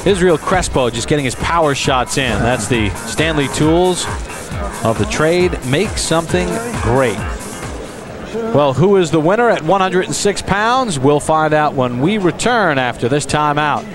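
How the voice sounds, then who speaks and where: A man's voice: a little high, expressive, unhurried, over music. An American man giving television boxing commentary as the play-by-play announcer. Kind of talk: sports commentary. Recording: TV broadcast with arena crowd.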